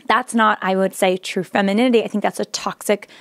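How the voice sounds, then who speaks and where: A woman's voice: medium pitch, fairly even intonation, brisk, no echo, studio quality. A woman speaking earnestly, now and then restarting with fillers. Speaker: speaker sharing her views. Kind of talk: earnest monologue.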